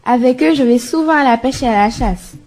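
A woman's voice: fairly high pitch, a little fast, a little mellow, a little hiss or hum, lightly acted. A woman playing an Inuit woman who lives in an igloo, giving brief matter-of-fact answers in an amateur radio skit.

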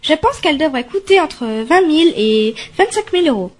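A woman's voice: sits high, lively intonation, normal speed. A woman playing a wife obsessed with advertising who gushes pushy sales talk in an amateur radio skit. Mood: gushing. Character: ad-obsessed chatty immigrant wife.

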